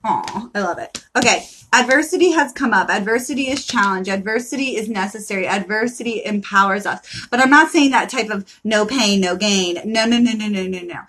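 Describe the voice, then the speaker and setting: A woman's voice: mid-range voice, brisk, few pauses, fairly bright tone, slight background noise, poor audio. A woman reading tarot cards on a live stream, casual and emphatic, with a profane pep-talk style.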